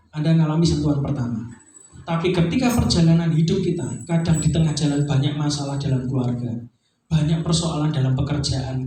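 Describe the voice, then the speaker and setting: A middle-aged man preaching a sermon with a Javanese accent, his voice pitched fairly high. He is recorded from far off in a very echoey church hall, with a faint hiss underneath. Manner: animated preaching mixing Javanese phrases, frequent "ya toh?". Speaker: pastor.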